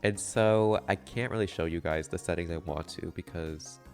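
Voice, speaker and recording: A young man with a very low voice talks through a game tutorial. His voice is nasal from a stuffy nose, a little monotone, and he often fills pauses with small filler words. Soft music plays faintly underneath.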